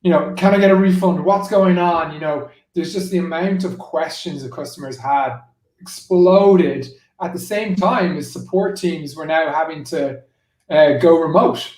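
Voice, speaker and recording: Fairly high in pitch and darkish in tone, this man talks at a measured pace as a marketing executive guesting on a business interview. His explanations are conversational and sprinkled with "like" and "you know," captured far from the mic in an echoey room.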